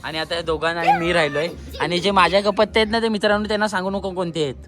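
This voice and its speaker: Filming his family's trip outdoors after dark, this vlogger speaks quickly in a high-sitting voice with fairly even intonation. His casual handheld narration is talkative, constantly showing viewers things, while music and crowd noise play behind him.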